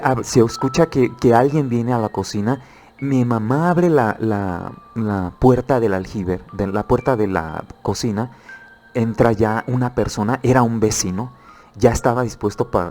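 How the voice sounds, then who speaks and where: A man, telling a personal horror story in a halting way, often repeating words and restarting. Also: medium pitch, darkish tone.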